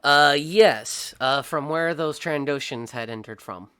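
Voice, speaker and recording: A man's voice: a little high, unhurried, a bit bright, smooth, no echo, studio quality. A young man narrating as game master of a tabletop game, talking casually with many fillers.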